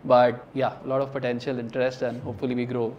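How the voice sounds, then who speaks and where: A man's voice: mid-range voice, flat delivery, fast talker, darkish tone, lo-fi sound, slight background noise. A man, a startup founder, giving earnest explanatory interview answers with some fillers.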